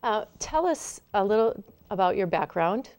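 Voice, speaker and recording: A woman's voice: mid-range voice, big pitch swings, moderate pace, darkish tone, smooth. A woman hosting a talk show interview, gracious and somewhat hesitant, with frequent fillers.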